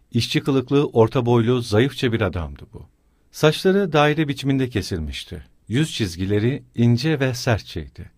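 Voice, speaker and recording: A man narrating a classic novel as an audiobook in a measured, expressive reading. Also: medium pitch, dry recording, clean studio sound. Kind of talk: scripted narration.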